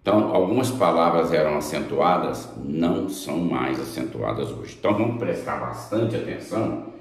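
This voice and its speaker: A Portuguese teacher, a man with a low voice and lively intonation, delivers a grammar lesson at a moderate pace. He is emphatic, repeats his examples, and checks in with his students. The room is very echoey.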